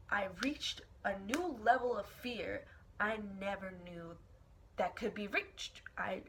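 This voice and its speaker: A young woman recounts an embarrassing story to her camera in a casual storytime vlog. She tells it dramatically and expressively, swearing freely and scattering her speech with filler words. Her voice sits at an ordinary middle pitch. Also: a bit bright, slight background noise. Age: young adult. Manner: casual, profane, filler-heavy. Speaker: vlogger.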